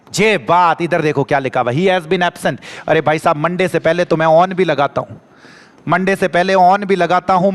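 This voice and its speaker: Young male tutor, Rajasthani accent, lively and repetitive, slightly high voice. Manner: energetic, repeats catchphrases, acts out students' questions. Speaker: English teacher. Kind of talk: exam-prep grammar lesson.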